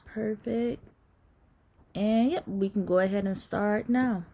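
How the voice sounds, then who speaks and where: A woman hosting a casual remote interview, friendly and relaxed, with plenty of "um" and "like". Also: medium pitch, slow pace. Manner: friendly, relaxed, chatty with fillers. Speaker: interview host.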